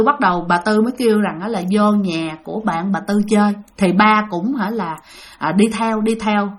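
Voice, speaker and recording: A woman's voice: medium pitch, a bit bright. A woman telling a spirit story in a chatty way, talking straight to her listeners with many fillers. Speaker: storyteller host. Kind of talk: casual spoken ghost story narration.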